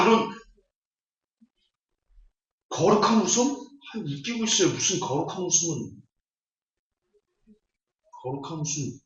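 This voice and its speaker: A man's voice: high voice, bright, forceful tone. Scornful preacher man, echoey hall. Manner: scornful, rhetorical questions. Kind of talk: Bible lecture sermon. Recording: echoey hall, distant, dull audio.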